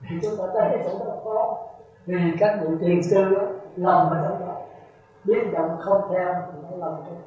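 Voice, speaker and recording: Man, Buddhist monk, dharma talk, lecturing, heavy echo, tinny phone-like sound. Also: extremely high pitch. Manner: lecturing, repeats rhetorical checks to listeners.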